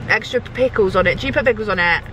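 A woman's voice: medium pitch, fast talker, a bit bright, muffled recording. Give me a woman ordering at a drive-through from her car, politely repeating her order over road noise. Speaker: vlogger. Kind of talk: casual vlog chat. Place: inside a car. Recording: noisy car recording.

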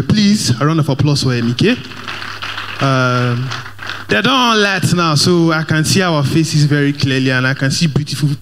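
A young man with a fairly high pitch does energetic stand-up in a big church hall, his accent Nigerian Pidgin English. He plays to the audience through a handheld microphone, mixing Pidgin with English as he goes.

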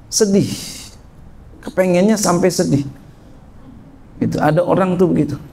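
A man teaching a kitab lesson, reading Arabic text and explaining it in lively colloquial speech. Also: fairly high pitch, creaky, a little hiss or hum. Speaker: Islamic teacher.

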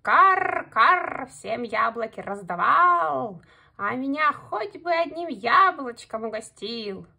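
A woman voicing a grumpy, scolding female crow in a storybook tale, with shrill drawn-out cawing. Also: very animated, gravelly, pushed and bright, husky, heavily acted.

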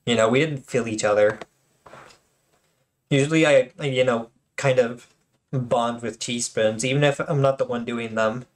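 In an unhurried, steady, mid-range voice, a man comments on tournament replays for his own channel. The talk is relaxed and playful, and he frequently uses fillers and begins phrases again.

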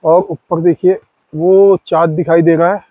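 A man's voice: fairly high pitch, level tone, a little slow, no room sound, phone-quality sound. A man in his forties chatting casually to viewers and friends while camping outdoors by a river in a forest, recorded close on a handheld phone. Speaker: vlogger. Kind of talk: casual camping vlog narration. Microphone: phone camera held close.

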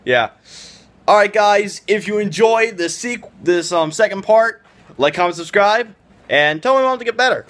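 A young man hosting a casual home vlog in an excitable, teasing manner, talking to a handheld camera indoors. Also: sits high, moderate pace. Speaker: vlogger hosting a challenge video. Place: living room indoors at home. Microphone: handheld camera at arm's length.

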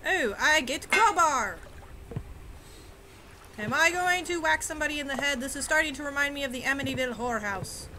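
A woman's voice: high-pitched, very fast, few pauses, background noise. A young woman giving goofy, sarcastic let's-play commentary with mock-old-fashioned quips. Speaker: gamer.

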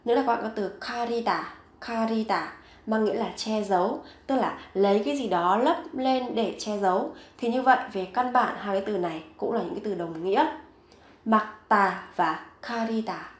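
A woman teaching a vocabulary lesson, saying each word several times, slowly and clearly. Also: mid-range voice, reverberant. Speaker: Korean language teacher.

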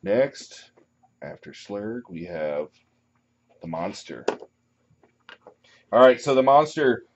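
Unhurried game master man, muffled sound. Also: fairly low pitch, a little hiss or hum. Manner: relaxed, brisk turn calling with laughs. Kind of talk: running a tabletop game session. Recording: muffled lo-fi table recording.

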